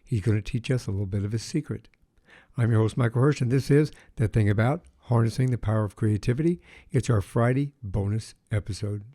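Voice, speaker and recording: Mellow-voiced male podcast host. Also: fairly low pitch. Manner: measured, hesitant with fillers when chatting. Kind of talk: podcast interview with scripted intro.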